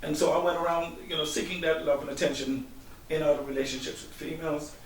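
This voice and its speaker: This interview guest, a middle-aged man from Guyana, talks fast in a fairly high, flat voice, yet answers hesitantly with frequent ums and restarts. An echoey room, a distant mic and faint hiss mark the recording.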